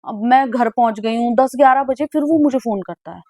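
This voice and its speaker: A young woman recounting a personal story in a casual, animated way, with exclamations and English words mixed into her speech. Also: a little high, brisk, dry recording.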